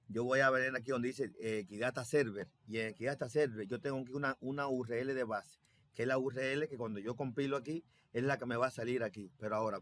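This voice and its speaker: A man's voice: mid-range voice, fairly bright tone, dry recording. A man teaching a programming tutorial step by step over his screen, repeating himself and thinking aloud with many fillers. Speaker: software instructor.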